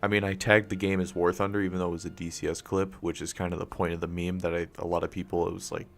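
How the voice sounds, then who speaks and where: Talking fast in a low, level voice, a young gaming streamer rambles through casual live-stream chat while soft music plays behind him. He's just out of bed, so his voice is raspy, and he keeps it quiet in his home room since his family is sleeping. Expect frequent swearing, fillers and coughs, all picked up close on a desk microphone.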